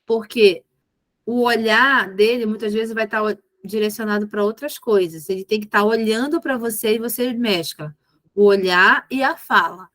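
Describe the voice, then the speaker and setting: A woman's voice: mid-range voice, moderate pace, a bit bright, no echo. A woman, a mentor patiently explaining behavior management with examples. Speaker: ABA mentor.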